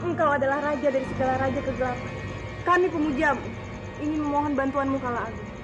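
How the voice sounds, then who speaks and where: A woman playing a jealous, hot-tempered young villainess in a fantasy drama, sharp and demanding. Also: sits high, fast talker, dull audio, over music, close to an everyday voice. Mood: pleading. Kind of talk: fantasy television drama acting.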